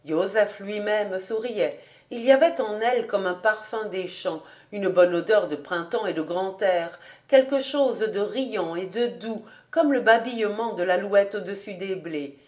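A woman reading a classic novel aloud as an audiobook, calm and even-paced. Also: medium pitch, measured pace. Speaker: audiobook reader.

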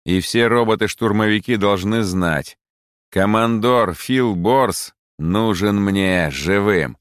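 A man voicing a sinister robot kite admiral, speaking slowly and commandingly. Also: on the low side, smooth, no echo, studio quality. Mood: cold.

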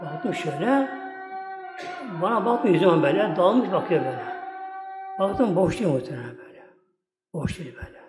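Male preacher, high voice, folksy rambling storyteller, echoey room, faint music behind. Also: very animated, fairly quick, pauses often. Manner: keeps repeating "my esteemed ones" and "like this". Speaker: Islamic preacher. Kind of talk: religious talk with storytelling. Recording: echoey hall with long reverb, faint music.

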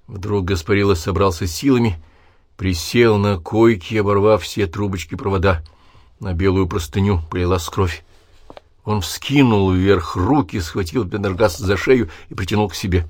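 Deep-voiced man narrating an audiobook. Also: fairly even intonation, normal speed, darkish tone, no echo. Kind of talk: scripted narration.

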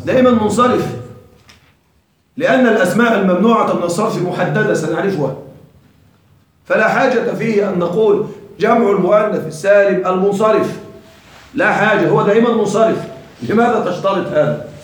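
A man's voice: sits high, a little fast, pauses often. A man teaching a classroom grammar lesson, quizzing his students and repeating their answers. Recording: very echoey room, voice from far off.

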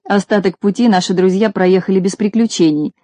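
A woman reads a children's story aloud with lively expression. Her voice is mellow and warm. The recording is dry and close, with no room sound. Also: medium pitch, a little fast, no room sound. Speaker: audiobook narrator. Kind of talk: scripted storybook narration.

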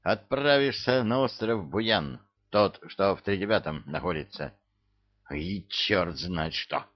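A man's voice: low voice, expressive, slow, muffled recording, heavily acted. A man voicing an irritable male devil who runs hell like an office, hissing and barking orders, in an audiobook. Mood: snapping, furious. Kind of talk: audiobook character voice.

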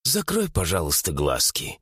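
A man's voice: mid-range voice, wildly swooping pitch, fairly bright tone, breathy edge, no room sound, clean studio sound, full character voice. A man doing a cocky, mocking young mage. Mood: serious. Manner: mocking, impatient, quick retorts. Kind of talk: audiobook character voice.

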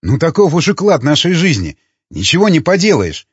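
Crude, touchy male survivor, read by a man; husky, dull lo-fi audio. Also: a little high, wildly swooping pitch, moderate pace, no echo, pitched above the performer's own voice, full character voice. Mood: resigned. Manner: crude, threatening. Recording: dull lo-fi recording.

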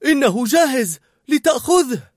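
Man doing a sharp young woman cook. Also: high voice, big pitch swings, brisk, no room sound, studio quality, voice pushed up. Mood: sharp, scolding. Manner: sharp, scolding.

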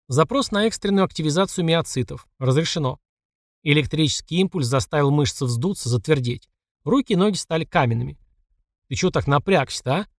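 A man narrates an audiobook in first person with a slightly raised voice. He reads the system readouts in a clipped, flat report tone. The recording is dry and close, with no room sound. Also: fairly high pitch, no echo.

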